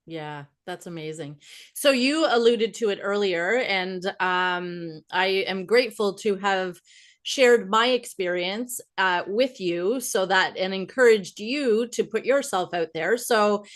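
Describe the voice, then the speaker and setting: A woman's voice: mid-range voice, takes it slowly. A woman hosting a casual live-stream interview, encouraging and affirming her guest while thinking aloud. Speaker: host.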